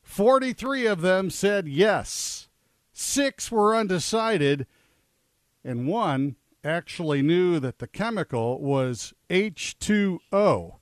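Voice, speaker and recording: A man co-hosting a morning radio show, telling short stories in a slow, measured way. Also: sits high, animated, dry recording, clean studio sound.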